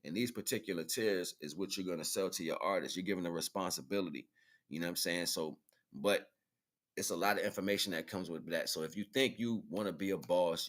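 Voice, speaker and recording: A livestream host with a low, slightly bright voice talks in casual, slangy speech, frequently checking in with listeners through tag questions.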